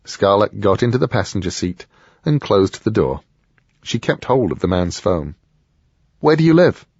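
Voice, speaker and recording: A man narrating an audiobook in an expressive storytelling style. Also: low voice, moderate pace, slightly rough, no echo, highs cut off. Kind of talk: scripted narration.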